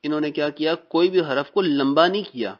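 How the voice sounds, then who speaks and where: A man from Pakistan teaching Quran reading in a recorded lesson, patiently explaining and drilling letter sounds slowly. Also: fairly high pitch. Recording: dull, muffled recording.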